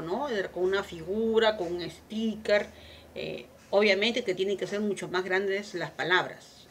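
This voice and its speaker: Woman slowly announcing lesson headings. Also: mid-range voice, a bit bright, slight background noise. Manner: slows down to announce each heading, fills with "este" and "eh". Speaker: teacher giving a talk on dyslexia exercises. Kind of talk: explanatory lesson, reading out activity headings.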